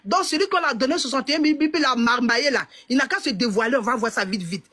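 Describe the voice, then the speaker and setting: A middle-aged woman with an Ivorian French accent gives emotional testimony as a relative of a man who died, speaking emphatically, repeating herself, and drawing on proverbs. Her voice is high-pitched, quick, a bit bright, with a breathy edge.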